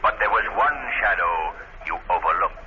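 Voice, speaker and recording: The Shadow, theatrical and commanding, voice swooping. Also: male voice, sits low, expressive, moderate pace. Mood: sinister taunting. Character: mysterious invisible male crime fighter, commanding and taunting. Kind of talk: old time radio crime drama acting. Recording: noisy, muffled vintage radio recording.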